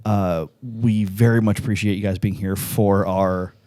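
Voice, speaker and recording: A man's voice: lowish voice, fairly even intonation, measured pace, warm tone, dry recording. Laughing man in his thirties. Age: 30s. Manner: self-deprecating, laughs often. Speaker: podcast co-host. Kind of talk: casual chat.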